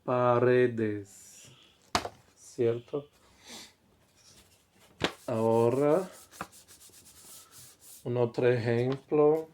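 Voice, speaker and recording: A man teaching a language class at an unhurried, very slow pace. His voice sits in the middle range, neither high nor low. He repeats each example patiently and keeps checking that his students follow. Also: steady tone, darkish tone, a little hiss or hum. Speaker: Spanish teacher.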